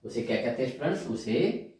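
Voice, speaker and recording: Animated man lecturing in an echoey room. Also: medium pitch, brisk. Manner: animated, calls out to students often, repeats terms while writing. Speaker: physics teacher. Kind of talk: classroom lecture. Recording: loud echo, from far off.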